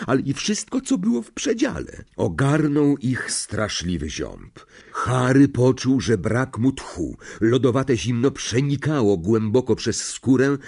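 A man narrating an audiobook in a slow, suspenseful, dramatic way. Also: medium pitch, darkish tone, husky.

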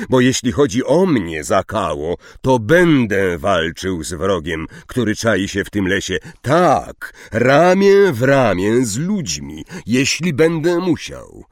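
Guy reading as a calm young centaur, deep low voice, slow and solemn, audiobook. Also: creaky, dry recording, studio quality, exaggerated voice. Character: noble young male centaur, calm and grave. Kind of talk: audiobook narration.

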